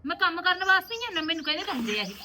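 An actress playing a caring, anxious young married woman who gently scolds and coaxes her younger sister-in-law. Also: very high voice, big pitch swings, racing, slight background noise, full character voice. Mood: tender. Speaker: actor. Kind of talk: village family drama acting. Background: birdsong.

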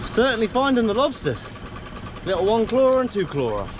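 A man's voice: high-pitched, very animated, moderate pace. A man, perhaps in his thirties, giving casual, exclamatory vlog commentary while working on a small open fishing boat. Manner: exclamatory, talks while hauling gear. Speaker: small-boat crab and lobster fisherman. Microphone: camera mounted in the boat, few metres away. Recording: loud engine and outdoor boat noise.

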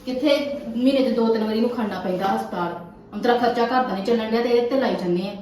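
A woman's voice: a little high, fast talker, recorded from a distance, lightly acted. A woman playing a scolding, irritable wife. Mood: annoyed. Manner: scolding, sharp-tongued, grumbling. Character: irritable, complaining wife worried about money. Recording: echoey room, voice off-mic, faint noise.

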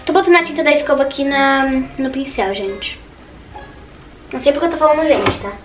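A woman's voice: high-pitched, fairly quick, distant mic, music in the background. A teenage girl vlogging from her bedroom at home. She chats nervously and keeps saying "gente" to her viewers. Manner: nervous, chatty, says "gente" constantly. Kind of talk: casual vlog chat. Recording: echoey room with background noise. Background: household noise.

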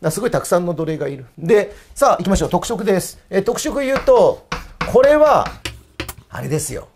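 A man's voice: high-pitched, big pitch swings, fairly quick, noisy background. A man teaching history in a casual, chatty video lecture, tossing in playful foreign greetings.

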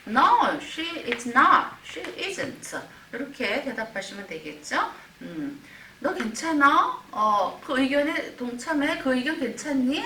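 Slow, lively-voiced woman teaching English grammar. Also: high voice. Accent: Korean. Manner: slow, patient explaining with many fillers and repetitions; drawn-out English example sentences. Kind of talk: online recorded lesson. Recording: roomy, slightly distant mic with faint background hiss.

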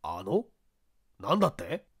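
A woman voicing a calm, educated gentleman who asks measured, gentle questions. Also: very deep voice, slightly rough, dry recording, clean studio sound, pitched below the performer's own voice, exaggerated voice.

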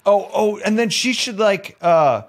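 A man's voice: high voice, animated, unhurried. A man co-hosting a podcast, talking brashly and swearing often in a casual brainstorming chat. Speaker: cartoon creator and podcast co-host.

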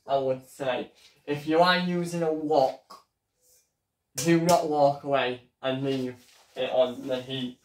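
A young man hosting a casual home cooking vlog, chatty and halting as he talks while cooking in a small kitchen. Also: medium pitch, slight background noise. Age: young adult. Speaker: home cooking show host. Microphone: fixed camera across the room. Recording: echoey kitchen, voice from far off.

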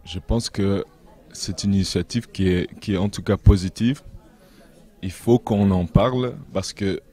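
A young man giving earnest interview answers, measured and pausing to find his words, into a handheld mic in a large indoor hall. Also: deep voice, fairly even intonation, mellow. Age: young adult. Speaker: interview guest, activist.

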